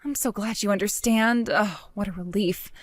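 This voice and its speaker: A woman's voice: mid-range voice, moderate pace, no room sound, natural voice. A woman voicing a scheming, unfaithful young wife who coaxes and pleads to get her way. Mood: coaxing. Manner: pleading, coaxing.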